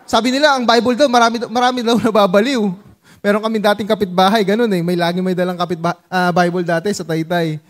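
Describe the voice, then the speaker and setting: High-voiced Filipino pastor preaching. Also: male voice, fairly even intonation, quick pace. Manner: playful preaching in Taglish, acting out little scenes for the congregation. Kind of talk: sermon.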